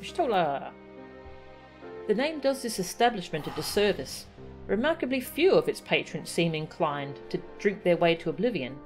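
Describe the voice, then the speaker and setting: Streaming a game, a woman gives casual, playful, chatty live commentary with goofy sound effects, her lowish voice sing-song at normal speed. Faint game music plays in the background.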